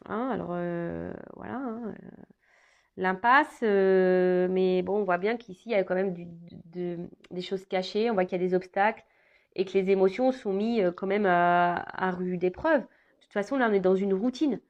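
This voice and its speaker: A woman's voice: mid-range voice, normal speed, highs cut off. A woman doing a casual tarot reading for her viewers, talking hesitantly with many fillers and restarts. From France. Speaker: tarot reader.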